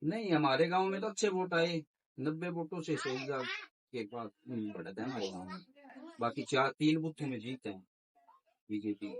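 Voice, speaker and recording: A farmer, answering a reporter firmly and plainly. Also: male voice, medium pitch, moderate pace, poor audio. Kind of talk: street interview.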